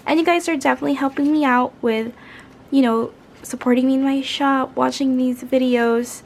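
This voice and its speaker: A woman's voice: high voice, fairly even intonation, moderate pace, darkish tone. A woman talking casually to her viewers in an informal, rambling, chatty way, as a vlogger. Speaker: YouTube budgeting vlogger. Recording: clear background noise.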